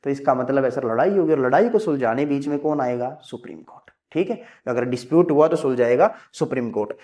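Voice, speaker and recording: Teaching civics for exam prep, a man with a mid-range, mellow voice speaks briskly with lively intonation. He asks his own questions and answers them as students would, quoting them as "sir," and regularly checks whether the class understands.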